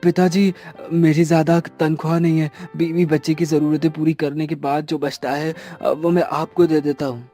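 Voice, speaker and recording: A man's voice: a little high, flat delivery, normal speed, few pauses, warm tone, soft background music, pitched above the performer's own voice, natural voice. A man voicing a humble, weary young village father who talks earnestly.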